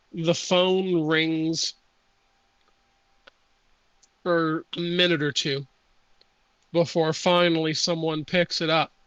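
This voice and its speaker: A man acting as game master, reading out rules and narrating a tabletop game in a slow, measured way with hesitant pauses. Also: on the high side, a bit bright, no echo, rough recording.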